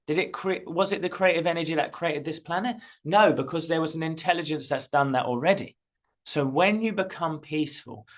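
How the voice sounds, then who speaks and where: A man's voice: on the high side, fairly bright tone. A middle-aged man hosting his own channel as a spiritual coach, talking earnestly and emphatically, often repeating phrases. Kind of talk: casual direct-to-camera talk.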